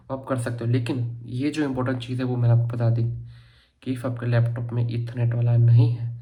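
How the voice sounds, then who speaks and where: A young man from India giving a chatty, joking tour of his student room in a casual vlog, talking fast. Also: medium pitch, mellow. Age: young adult. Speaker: vlogger.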